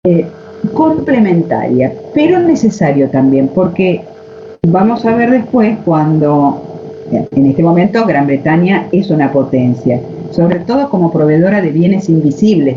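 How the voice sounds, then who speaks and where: A woman with an Argentine accent teaching a history class over a video call, lecturing and posing rhetorical questions to her students. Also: deep voice. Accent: Argentine Spanish. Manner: lecturing, asks rhetorical questions, frequent "este" fillers. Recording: muffled online call audio, faint noise.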